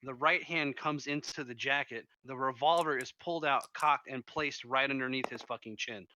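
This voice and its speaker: A man playing a tabletop role-playing game, describing his character's actions with intensity and speaking in character in a low, menacing voice. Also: normal speed, pushed and bright. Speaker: player. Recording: muffled lo-fi mic.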